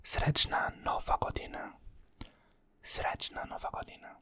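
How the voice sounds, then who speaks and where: Soft whispering comes from an ASMR creator based in Portugal, who takes it slow and repeats each phrase as she goes.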